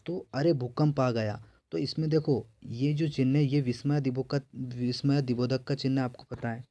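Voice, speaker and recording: A man's voice: medium pitch, fairly even intonation, normal speed, dark tone. A male teacher going through exam questions, asking each one aloud and then answering it himself. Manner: repetitive, quizzing himself and answering. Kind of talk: exam-prep lesson.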